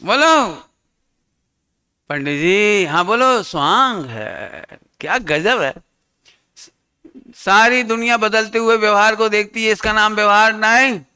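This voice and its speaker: A man giving an interactive sermon as a Jain religious teacher, animated, quizzing his listeners and acting out little scenes. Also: sits high, unhurried, pauses often, clean tone.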